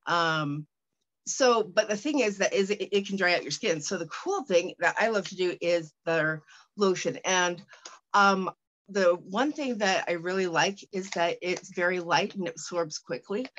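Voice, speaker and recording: A woman giving a casual product unboxing, talking in a chatty, rambling way with many fillers and restarts, sometimes reading product copy aloud haltingly. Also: fairly low pitch, a bit bright. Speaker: product reviewer.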